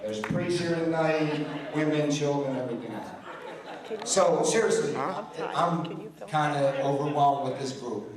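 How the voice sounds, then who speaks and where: A man's voice: a little high, lively intonation, a little slow, crowd noise. A man giving a rambling, self-deprecating roast speech, often restarting his sentences. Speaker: roast speaker. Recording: roomy hall mic from a distance.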